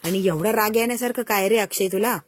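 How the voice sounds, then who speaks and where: A woman's voice: mid-range voice, fast talker, slight background noise, lightly acted. A woman voicing a quarrelsome, defiant young man. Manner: defiant, confrontational.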